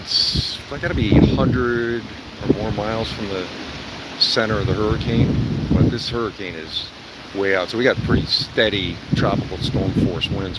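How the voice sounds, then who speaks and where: A man giving casual, enthusiastic live commentary on a storm from outdoors in a yard. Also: low-pitched. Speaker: amateur storm watcher livestreaming. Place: outdoors in a yard at night during hurricane winds. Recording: loud wind buffeting the microphone, rustling leaves. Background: strong gusting wind, rustling trees.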